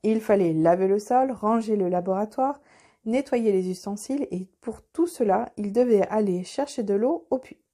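A woman narrating a children's audiobook in a gentle, expressive way. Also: mid-range voice, moderate pace. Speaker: storyteller.

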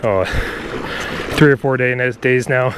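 Paddling on open water, a Canadian man vlogs from his kayak, chatting in a laid-back way to viewers as he fishes. His mid-range voice takes things slowly. The recording clearly picks up the surrounding wind and water.

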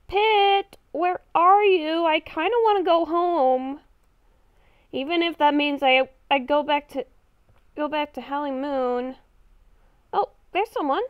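A woman with a high-pitched voice improvises an in-character game roleplay, murmuring and exclaiming to herself. She's a gaming video creator playing a roleplay character, and the audio has no room sound, with the highs cut off.

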